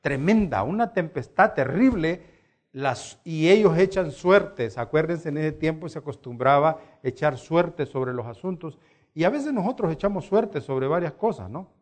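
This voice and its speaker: Animated male preacher, higher voice. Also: moderate pace. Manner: animated storytelling with acted quotes. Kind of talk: sermon.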